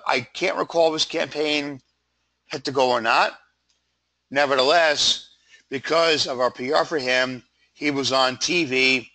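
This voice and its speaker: A man with a froggy voice giving a conversational slide presentation as a sales pitch, informally stressing items in lists. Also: pushed and bright, rough recording. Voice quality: froggy, throat-clearing voice. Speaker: PR company presenter.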